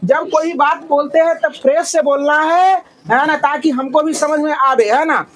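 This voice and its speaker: A male teacher, leading a classroom lesson and drilling his pupils with loud, repeated questions. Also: extremely high pitch, steady tone, normal speed. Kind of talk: classroom lesson with call-and-response.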